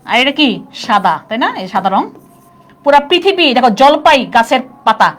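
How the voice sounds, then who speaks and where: Woman, high voice, online teacher, chatty, quizzes students. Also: sing-song, moderate pace, fairly bright tone. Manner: chatty, keeps asking students questions. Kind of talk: live online class.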